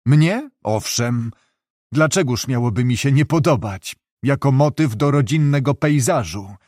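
A man's voice: mid-range voice, lively intonation, a little slow, a little mellow, no echo, studio quality, close to an everyday voice. A man voicing a proud young male doctor who speaks with controlled, cold irony. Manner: controlled, ironic.

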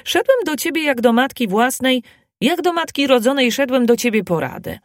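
A woman voicing a bold, excitable dwarf. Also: fairly high pitch, unhurried, dry recording, clean studio sound, pitched above the performer's own voice. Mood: indignant, pleading. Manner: loud, emphatic and indignant.

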